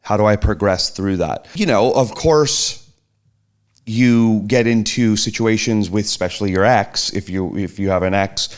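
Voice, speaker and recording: Unhurried and on the low side, the voice belongs to a middle-aged podcast guest who is also the host's partner. He reflects in a soft-spoken, casual way, hesitating frequently, restarting, and trailing off.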